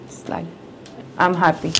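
A woman's voice: measured pace, noisy background. A woman client giving short pleased replies after a facial, picked up from a distance in a clinic.

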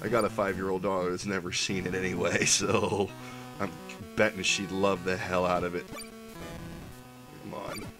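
A man in his thirties giving sarcastic, profane game commentary with a sick, rough voice. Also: sits low, little pitch movement, normal speed, over music. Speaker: let's play commentator. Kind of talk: gameplay commentary.

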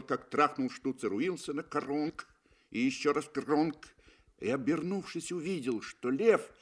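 In a mid-century Soviet radio play, an actor reads literary fiction with a theatrical, deliberate delivery and weighty pauses. His voice is a little high.

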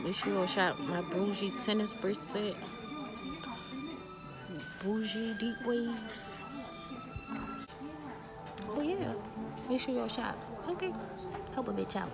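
Young woman, loose laughing vlog chat over loud background music. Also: mid-range voice, lively intonation, moderate pace, gravelly. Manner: loose, laughing, swears freely, talks to camera. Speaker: vlogger. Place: restaurant, then car.

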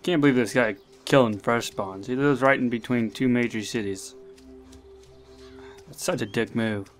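A young man commenting live on his gameplay, talking to himself and getting excited. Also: mid-range voice, normal speed, soft background music. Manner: excitable, talks to himself, swears and laughs.

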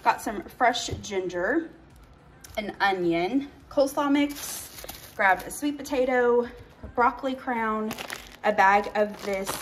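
Against a noisy background, a young woman with a mid-range voice chats her way through a grocery haul for her cooking channel. She's in her home kitchen, rambling casually with fillers and asides.

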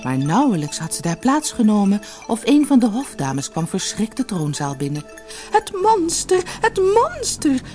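Expressive woman reading a fairy tale. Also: mid-range voice, faint music behind. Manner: expressive, measured storytelling. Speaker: storyteller. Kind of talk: scripted narration of a fairy tale.

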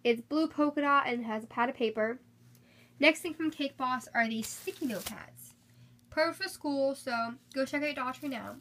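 This haul video features a young woman, a bit stuffed up from a cold, chatting casually about items on her bed as she films at home with a handheld phone. Her high, slightly bright voice moves at a moderate pace, cheerful and chatty with frequent fillers, and there's slight background noise.

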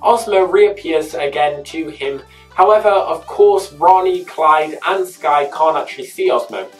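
A chatty YouTube host narrates a scripted episode recap and drops in personal asides. The voice sits at a middling pitch. It is picked up from a distance, with faint music playing underneath. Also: measured pace.

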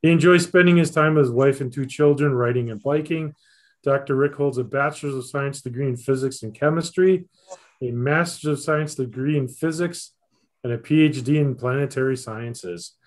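A man's voice: mid-range voice, normal speed. A middle-aged man introducing a speaker on a video call from a small office, reading a bio with small slips and fillers. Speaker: event host. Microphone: video call webcam.

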